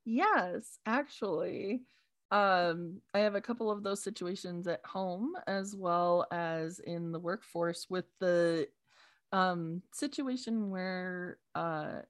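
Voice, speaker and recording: A woman speaking as a guest in a casual interview, hesitant with many pauses and fillers. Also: mid-range voice.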